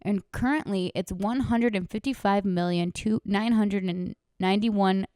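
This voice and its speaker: A woman's voice: medium pitch, moderate pace, warm tone, clear, resonant tone, no room sound, studio quality. A woman co-hosting a podcast in casual chat, chatty and laughing, swearing freely. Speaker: podcast co-host.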